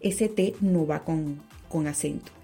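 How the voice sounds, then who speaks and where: A woman explaining grammar rules in a spoken lesson, slowing down on key points and correcting herself as she goes. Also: sits low, warm tone, soft background music. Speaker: teacher.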